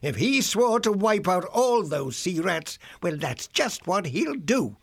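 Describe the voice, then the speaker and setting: A man voicing a wise old male creature in an audiobook, with a slow, knowing drawl and a husky, gravelly voice. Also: high-pitched, sing-song, pitched above the performer's own voice, heavily acted.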